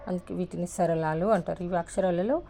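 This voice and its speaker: A woman with a Telugu accent teaching the alphabet, slowly repeating each letter one at a time. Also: on the low side, gravelly, warm tone, a little hiss or hum. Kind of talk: alphabet lesson, writing on a board.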